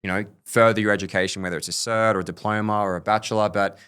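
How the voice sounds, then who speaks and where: A man's voice: fairly low pitch, fairly even intonation, very fast, fairly bright tone, smooth. A man, hosting an interview in an upbeat, chatty way with rambling asides. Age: 20s. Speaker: host.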